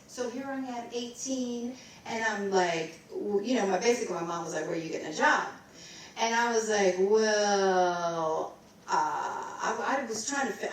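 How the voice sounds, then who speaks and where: A woman's voice: medium pitch, slight background noise. A middle-aged woman from Maryland, a vocalist, telling her story in a rambling way and scatting bits of tunes. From Maryland, USA. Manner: rambling, scats and sings snippets. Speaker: guest vocalist. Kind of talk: casual onstage interview. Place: recital hall. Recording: roomy hall, distant mic.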